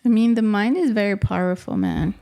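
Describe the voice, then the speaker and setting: A woman with a mellow, warm-toned voice talks as a podcast co-host. She speaks in an animated, conversational way at a middle pitch, often checking in with "you know what I mean" and "man". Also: brisk, clean tone. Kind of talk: casual chat.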